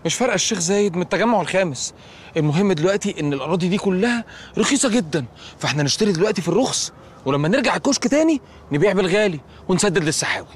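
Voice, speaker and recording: A man's voice: high-pitched, lively intonation, very fast, slight background noise. An actor with an Egyptian accent playing a nervous, whiny young man in a comedy series. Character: anxious, clueless young man lost in time.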